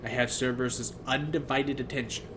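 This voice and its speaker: A man reads a first-person novel aloud as its audiobook narrator, his medium-pitched voice steady in tone and brisk in pace. He stumbles occasionally and rereads phrases, and the recording carries noticeable background noise.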